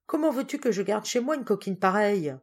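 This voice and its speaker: A woman reading the part of an anxious, quick-tempered father, in an excitable, exclamatory way. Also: mid-range voice, husky, pitched above the performer's own voice. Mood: relieved.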